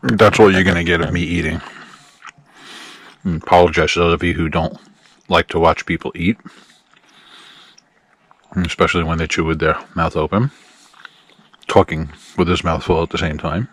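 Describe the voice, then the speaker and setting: A man talking casually to his viewers outdoors at a campsite by the campfire, relaxed and friendly as he addresses them directly. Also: deep voice, normal speed, long pauses, breathy edge, dry recording. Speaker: camping vlogger. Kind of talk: casual vlog talk to camera.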